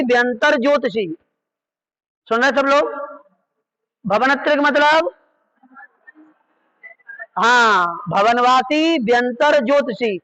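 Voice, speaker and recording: Slow, very high-voiced male teacher. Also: bright, forceful tone, muffled recording. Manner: patient, repeats terms and quizzes listeners. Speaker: religious scripture teacher. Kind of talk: slow explanatory class on Jain scripture.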